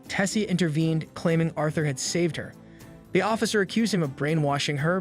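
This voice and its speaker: Higher-voiced man narrating a recap. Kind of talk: scripted narration.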